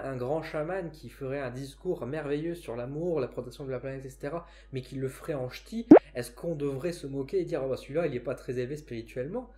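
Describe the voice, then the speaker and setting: A spiritual vlogger from northern France talks casually and reflectively to the camera with a northern French (Ch'ti) accent. His mid-range voice is mellow, and he often hesitates and restarts his sentences.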